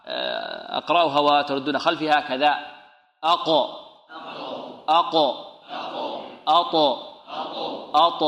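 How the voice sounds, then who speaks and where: A man teaching Quran recitation rules, asking questions and answering them himself, and slowly demonstrating each sound. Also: on the high side, sharp tone, reverberant, in a large hall. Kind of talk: tajweed lesson with students repeating.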